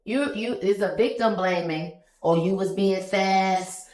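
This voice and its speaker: A woman in her thirties, a business owner telling stories in a relaxed, conversational interview chat. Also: mid-range voice, unhurried. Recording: echoey room.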